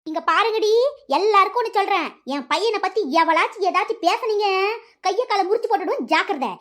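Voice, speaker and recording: A woman's voice: very high voice, a little fast, a bit bright. A woman voicing a bullying aunt who threatens and mocks in a cartoon. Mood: threatening. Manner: threatening, mocking. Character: bullying aunt pushing her son's marriage. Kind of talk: cartoon dialogue.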